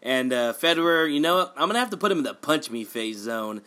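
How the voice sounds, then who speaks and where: A man co-hosting a casual sports chat, animated and jokey, with many fillers. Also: on the high side, quick pace. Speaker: co-host.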